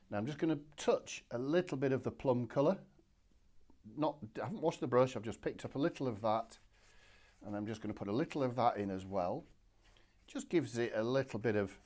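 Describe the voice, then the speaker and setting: A man, giving a relaxed, chatty step-by-step painting demonstration from his studio. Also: medium pitch. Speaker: watercolour art instructor. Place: home art studio.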